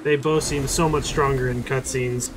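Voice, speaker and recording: A man making dry, offhand remarks as he plays through a game, his voice at an ordinary middle pitch. Clear game music runs underneath his talk. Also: fairly even intonation, moderate pace, low-quality recording. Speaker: let's play gamer. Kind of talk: casual gameplay commentary.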